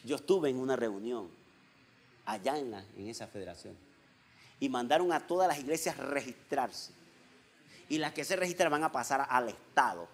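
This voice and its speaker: A man with a Venezuelan accent preaching a sermon, swinging between quiet asides and loud exhortation, with many rhetorical questions. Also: mid-range voice, lively intonation, moderate pace. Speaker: visiting preacher.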